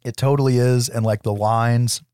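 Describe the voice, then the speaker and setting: A man's voice: medium pitch, fairly even intonation, normal speed, a little mellow, smooth, no echo, clean studio sound. A man co-hosting a podcast, telling a film's scenes in casual, profane language. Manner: profane, informal storytelling. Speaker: podcast co-host. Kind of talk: casual scene-by-scene film recap.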